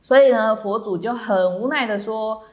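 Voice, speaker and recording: A woman with a Taiwanese Mandarin accent, a Buddhist nun giving a dharma talk in a measured way with many soft fillers. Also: fairly high pitch.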